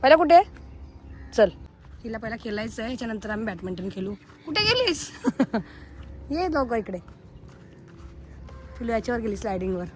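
A woman's voice: on the high side, big pitch swings, moderate pace, pauses often, a little hiss or hum. A woman vlogging outdoors with a handheld camera in a park playground, chatting to viewers and coaxing a small child. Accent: Marathi. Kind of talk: casual vlog narration to viewers.

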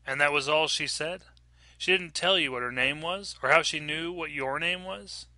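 A man voicing a worried young mother who speaks in a soft, hushed, reassuring way. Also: a little high, normal speed, no room sound, voice pushed up. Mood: uneasy.

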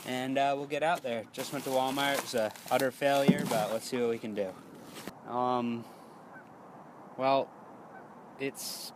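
A man's voice: medium pitch, a little hiss or hum. A young man talking casually to an action camera outdoors by the water, rambling and hesitant with many ums. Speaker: fishing vlogger. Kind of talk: casual vlog narration. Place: outdoors by a lake and in a boat. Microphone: action camera at arm's length.

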